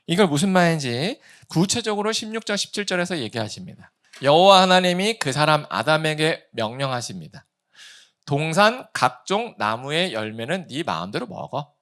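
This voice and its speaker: Animated pastor preaching with big swings. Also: male voice, moderate pace. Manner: lively, acts out quoted complaints with big swings in pitch and volume; conversational, asks the congregation questions. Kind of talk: sermon.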